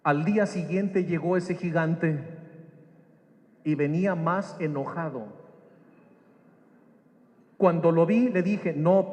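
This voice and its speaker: A man with a high voice preaches at an unhurried pace, asking his listeners questions and acting out both sides of a conversation. His voice rings with the long echo of a church hall. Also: a little mellow. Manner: asks the audience questions; acts out quoted dialogue. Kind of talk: sermon with personal story.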